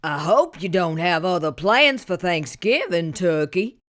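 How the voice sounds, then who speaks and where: A woman putting on voices for the animal characters of a read-aloud picture book, slow and exaggerated. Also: fairly low pitch, lively intonation. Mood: cheerful. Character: mixed animal characters, moose, rabbit, goats, sheep.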